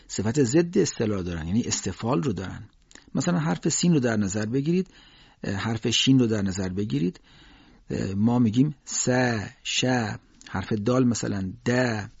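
A man's voice: on the low side, vocal fry, a little mellow, slightly rough, no echo. A man teaching Quran recitation, explaining letter sounds patiently with frequent hesitations. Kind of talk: spoken lesson with slow recited examples. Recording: dull, dry lo-fi recording.

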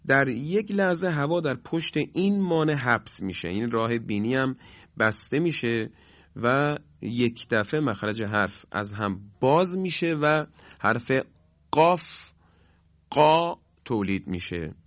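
Calm man teaching pronunciation, dull audio. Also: mid-range voice, dry recording. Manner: explains calmly and slowly, then voices each sound forcefully. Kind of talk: instructional explanation with demonstrations.

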